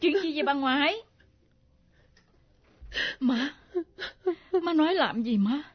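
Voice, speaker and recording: Tearful young daughter, high voice, muffled old recording. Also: female voice, animated, slow pace. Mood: puzzled. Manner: tearful, pleading. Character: young woman, grieving daughter. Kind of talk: radio drama acting.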